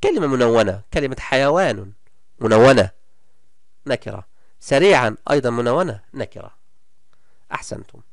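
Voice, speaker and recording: His voice is medium-pitched and creaky with lively intonation as this man teaches a primary class in a recorded lesson. He encourages the pupils, praises them often, and draws out example words slowly, in studio quality with no room sound.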